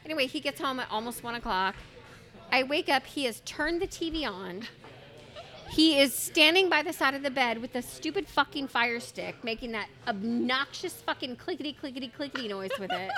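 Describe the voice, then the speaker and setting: A woman telling a rambling, animated story in casual chat, swearing freely and acting out what others said. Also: sits high, moderate pace. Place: brewery.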